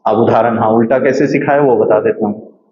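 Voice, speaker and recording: A man giving a spiritual talk to a live audience, slow and playful, acting out scolding mothers and children. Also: mid-range voice, fairly even intonation, slight background noise. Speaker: spiritual speaker. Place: meditation center hall. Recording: echoey hall, slightly dull sound.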